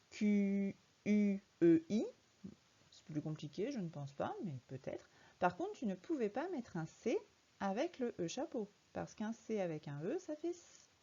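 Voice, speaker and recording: A primary school teacher in a recorded lesson patiently teaches a young child to read, spelling words out letter by letter. Her voice is on the low side, sing-song, a little slow, mellow, and slightly rough, and the audio is dull.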